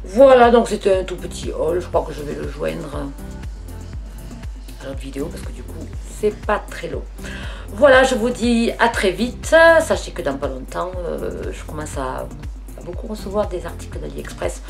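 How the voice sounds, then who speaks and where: A woman's voice: fairly low pitch, lively intonation, moderate pace, gravelly. A middle-aged woman, chatting casually through a beauty haul with many fillers and restarts. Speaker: beauty vlogger. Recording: faint music behind.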